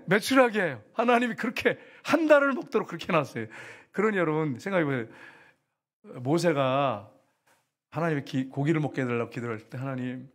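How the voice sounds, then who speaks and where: A man preaching a sermon as pastor, lively and chatty, teasing the congregation with questions. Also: fairly high pitch.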